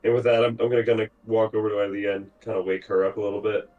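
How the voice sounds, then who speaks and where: Male player, hoarse from illness, unsure musing tone, distant mic. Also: fairly low pitch, little pitch movement, racing, phone-quality sound. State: hoarse from being sick. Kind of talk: casual tabletop game chat.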